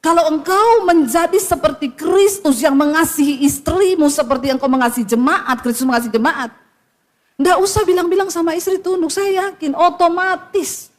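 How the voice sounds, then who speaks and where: A woman's voice: extremely high pitch, moderate pace. A middle-aged woman pastor preaching a sermon in a blunt, scolding way, often acting out quotes from the people she counsels.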